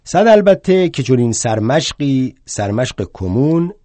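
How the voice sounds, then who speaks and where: An older man playing a proud, indignant aging male revolutionary thinker in a one-man stage play, telling his story wryly and flaring into indignant shouts. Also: mid-range voice, big pitch swings, dry recording, natural voice.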